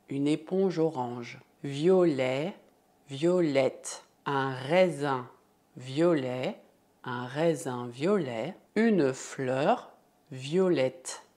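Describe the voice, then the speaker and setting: A woman teaching French in a lesson, saying each word twice and slowly drilling repeat-after-me examples. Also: low voice, darkish tone.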